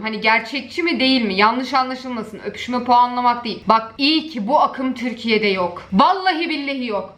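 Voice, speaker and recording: A woman hosting a casual reaction video, talking in an animated, joking way full of exclamations and mock outrage. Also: high voice.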